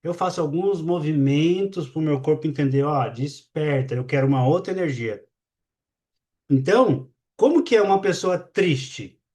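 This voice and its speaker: A man with a Brazilian accent leading a live online class, talking to his audience in a lively, demonstrative way and shifting his energy on purpose. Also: fairly high pitch, normal speed. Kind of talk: live webinar talk to an audience.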